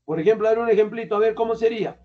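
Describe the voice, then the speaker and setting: This Peruvian language teacher, a man with a high voice, races through his classroom lecture. He stays colloquial and keeps firing questions at the students, and the recording from the room is dull and lo-fi.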